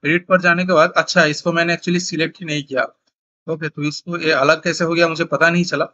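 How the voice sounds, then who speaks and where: A young man from India giving a casual screen-recorded software tutorial, talking his steps aloud and correcting himself as he goes. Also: a little high, flat delivery, brisk, dull audio. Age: young adult. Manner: thinks aloud, self-correcting, casual instructions. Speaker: CAD tutorial instructor.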